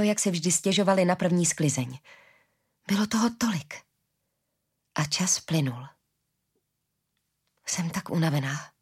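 Woman narrating a story in a husky voice. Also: low voice, a little mellow. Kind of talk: audiobook narration.

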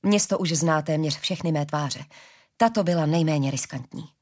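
Woman reading as a calm mysterious shapeshifter lady, quiet and slow, low husky voice. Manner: quiet, unhurried, soothing.

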